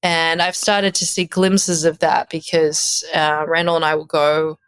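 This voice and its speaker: Her voice sits low with a flat, slightly slow delivery and a clean tone, recorded without room sound. She is a woman in her thirties with an Australian accent, chatting casually as a podcast guest, laughing often and restarting mid-sentence.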